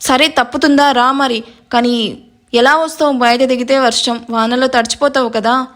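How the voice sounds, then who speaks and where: A gruff, impatient young man snaps and teases in a spoken love story, with a woman reading him. The voice sits a little high and keeps a mocking, clipped edge. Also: steady tone, normal speed, fairly bright tone. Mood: teasing. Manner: curt and mocking. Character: brash, teasing young man driving.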